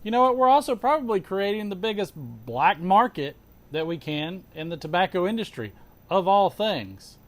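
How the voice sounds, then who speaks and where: Animated, higher-pitched man in casual chat. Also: normal speed. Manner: animated storyteller with emphatic repetition and rhetorical questions; sarcastic, exasperated asides. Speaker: host of a pipe-smoking show.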